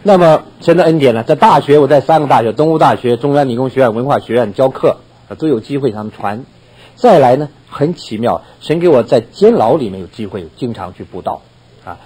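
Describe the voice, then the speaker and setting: Husky, lively older pastor preaching. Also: male voice, medium pitch, fairly quick, low-quality recording. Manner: lively storytelling with laughter and acted-out dialogue. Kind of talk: sermon.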